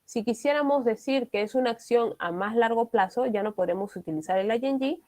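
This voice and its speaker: A woman's voice: fairly high pitch, a little fast, a little mellow. A woman, teaching an online English class. She explains step by step and often checks in with her students.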